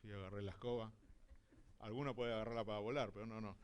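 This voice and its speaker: A man from Argentina with an Argentine accent preaching a sermon, telling stories and acting out dialogue, swinging from hushed to loud. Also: on the low side, steady tone, quick pace, background noise. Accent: Argentine Spanish. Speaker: visiting apostle preaching.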